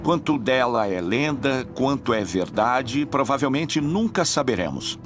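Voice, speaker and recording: A man's voice: medium pitch, lively intonation, a little slow, lightly acted. A man voicing dubbed documentary commentary in a storytelling manner. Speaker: voice-over dubber of an interviewee. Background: music.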